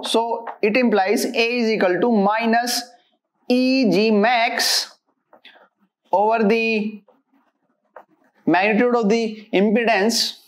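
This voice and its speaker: Her slightly high voice carries a methodical technical lecture in which she pauses and halts while working out equations for her engineering students.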